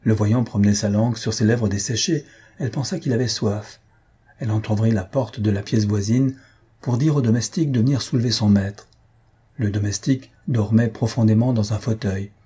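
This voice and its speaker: A man calmly narrating a novel as an audiobook reader. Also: on the low side, normal speed, breathy edge.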